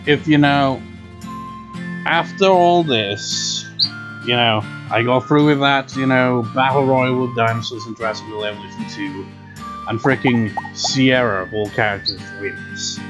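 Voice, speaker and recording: This gameplay video host, a man with a medium-pitched voice, rambles through casual commentary at an unhurried pace. His manner is wry and unenthusiastic, with game music playing behind him.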